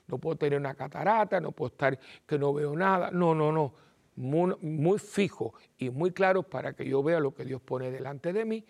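Gravelly priest. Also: male voice, on the high side. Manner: animated, acts out little dialogues and repeats phrases for emphasis. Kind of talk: televised sermon talk.

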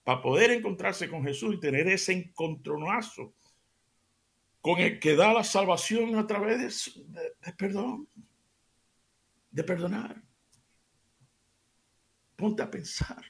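Gravelly man preaching on radio. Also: sits high, slow, long pauses. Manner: animated, dramatic storyteller who drops to soft near-whispers for emphasis. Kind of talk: radio devotional storytelling.

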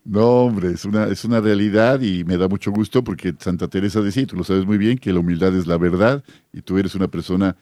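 Devout Mexican radio host. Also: male voice, low-pitched, fast, hardly any pauses, no echo. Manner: warm, devout, animated greetings.

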